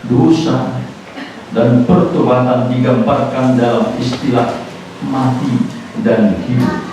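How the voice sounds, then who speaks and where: A man preaching a sermon, rising in emphasis and slowing down on key words, sometimes slipping in English phrases. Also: medium pitch, steady tone, heavy reverb, distant mic, background noise. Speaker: pastor. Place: church sanctuary.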